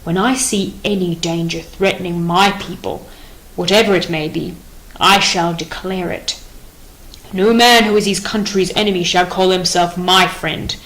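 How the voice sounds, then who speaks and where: A woman's voice: on the low side, fairly even intonation, unhurried, fairly bright tone, poor audio. A woman reading the part of a stern, unbending male king in an audiobook play, grave and declamatory in manner.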